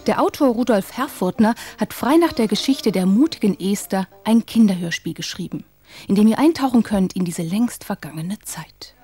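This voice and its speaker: A woman's voice: mid-range voice, animated, moderate pace, warm tone, slightly rough. A woman presenting a children's radio show, reading a scripted introduction.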